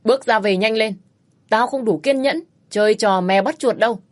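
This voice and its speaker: A woman shouting as a foul-mouthed abusive husband. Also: deep voice, animated, fast, slightly rough, dry recording, heavily acted. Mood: shouting abuse. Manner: shouting, cursing, bullying.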